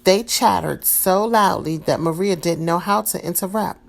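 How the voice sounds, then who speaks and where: Woman storyteller, low gravelly voice, calm expressive read-aloud for kids. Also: normal speed. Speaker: storybook reader.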